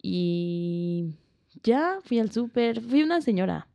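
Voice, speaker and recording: A woman's voice: mid-range voice, lively intonation, slow pace, vocal fry, dark tone. A young Mexican woman co-hosting a casual podcast chat in a playful, joking manner. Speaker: podcast co-host.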